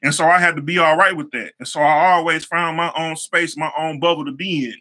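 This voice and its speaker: A young man with a high, very bright and sharp voice tells stories from his life as a motivational talk. He speaks casually, circles back on his phrases and drops easygoing slang. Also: fairly even intonation, brisk. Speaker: show host, hair stylist.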